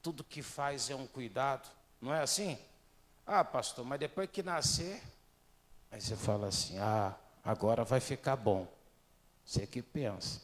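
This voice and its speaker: A man's voice: medium pitch, animated, a little slow. A man with a Brazilian Portuguese accent, a pastor giving a live church sermon. He preaches in a conversational way and keeps asking the congregation rhetorical questions. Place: church sanctuary. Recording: long hall reverb.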